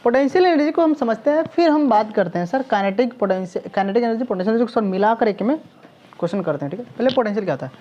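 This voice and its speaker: A man's voice: high-pitched, expressive, very fast, darkish tone, lo-fi sound. A male physics coaching teacher lecturing a class in a chatty, teasing manner, constantly checking whether students follow. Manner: teasing, chatty, peppers speech with "sir" and check questions.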